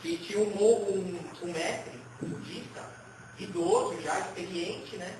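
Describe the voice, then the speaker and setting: Participante homem, conversa informal e narrativa, gravado de longe com ruído de fundo claro. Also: male voice, sits high, very animated, a little slow. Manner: chatty, frequent tag questions. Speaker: participant in spiritual session. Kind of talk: casual conversational storytelling. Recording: distant mic in echoey room with noise.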